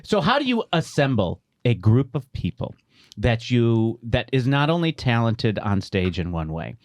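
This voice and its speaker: A man's voice: medium pitch, very animated, normal speed, a little mellow, no echo. A man hosting an interview at an arts centre, chatty and digressing, laughing often. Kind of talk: casual interview chat. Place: theatre venue.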